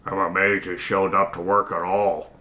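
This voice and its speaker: A man voicing a blunt, smirking male janitor with a gruff, low delivery. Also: little pitch movement, normal speed, pushed and bright, roomy sound. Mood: smug.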